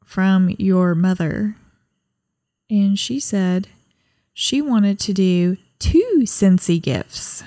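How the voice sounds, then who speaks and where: A woman's voice: medium pitch, drawn-out words, dry recording. Woman co-host teasing, dry close sound. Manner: laughing, gently teasing. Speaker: podcast co-host. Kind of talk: casual chat.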